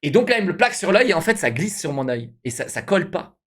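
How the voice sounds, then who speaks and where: A young man, a streamer telling a story casually to his live chat, animated and repetitive, often calling out to the viewers. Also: a little high, fast. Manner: animated, repeats himself, addresses viewers as guys.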